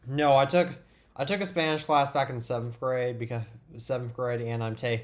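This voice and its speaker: A teenage boy who is sick with a cold hosts a casual tech podcast, chatting along and frequently restarting his sentences. His voice is mid-range with fairly even intonation and a moderate pace.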